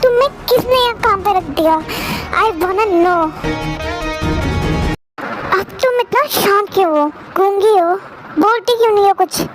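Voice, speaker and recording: A young woman voicing an arrogant, hot-tempered rich young man who barks out scolding questions, heard over loud music. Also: very high voice, a little slow, pauses often, poor audio. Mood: irritated.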